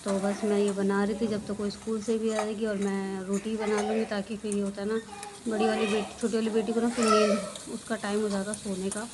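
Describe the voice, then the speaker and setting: A woman chats through her daily home vlog, homely and talkative, drifting from one thing to the next. Her pitch stays flat and level, and clear background noise from a family home runs under her voice. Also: fairly quick. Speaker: daily vlogger. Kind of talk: casual chatty vlog narration.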